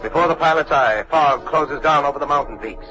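Heard through a dull, lo-fi vintage radio recording with loud music, a man narrates a 1940s radio drama like a dramatic announcer. His voice is a little high and brisk, giving it the sound of an old broadcast.

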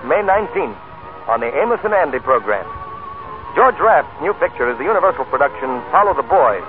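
A brisk, upbeat male announcer on an old radio show, his voice sitting a touch high. The sound is tinny and narrow, like a 1940s radio broadcast, and music plays clearly underneath. He reads promotions and credits in a polished scripted way.

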